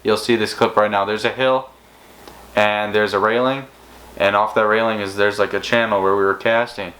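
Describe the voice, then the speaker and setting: A man's voice: lowish voice, little pitch movement, normal speed, fairly bright tone, poor audio. A man co-hosting a fishing channel, telling stories in a casual, rambling way with many restarts. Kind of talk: casual storytelling chat.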